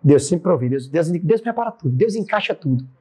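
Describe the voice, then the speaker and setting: A man who is a pastor, telling a lively testimony story in a faith podcast interview, with a Brazilian Portuguese accent. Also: on the high side, brisk, slightly rough. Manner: lively storyteller acting out quoted voices. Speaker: pastor and church president, podcast guest.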